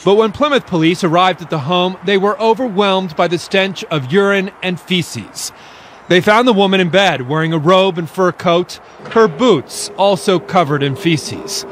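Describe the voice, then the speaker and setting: A man narrating a scripted TV news package in a steady, factual way. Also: high-pitched, moderate pace, a little hiss or hum. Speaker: news reporter.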